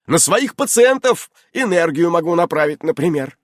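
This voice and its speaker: A stiff, officious grown man who is secretly a dragon, as a male reader voices him. He speaks in a raised, solemn tone and sulks when pressed. His voice is husky and loud. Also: fairly high pitch, lively intonation, moderate pace, no room sound, studio quality, pitched above the performer's own voice. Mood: formal, stiff. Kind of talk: audiobook character voice.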